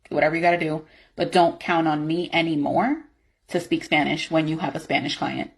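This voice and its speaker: A woman's voice: deep voice, brisk, a bit bright, slightly rough, exaggerated voice. A woman playing an assertive, sardonic office employee in a workplace comedy skit, speaking firmly, bluntly and with sarcasm. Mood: blunt, stubborn. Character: assertive, sardonic female office employee who refuses unpaid work.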